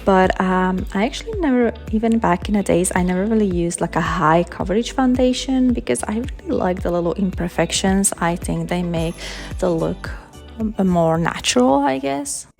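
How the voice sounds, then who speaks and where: A Slovak woman in her thirties, a stay-at-home mom and vlogger, chats in a relaxed way while applying her makeup in a casual tutorial vlog. Her voice is lowish and gravelly at normal speed, with soft music playing in the background.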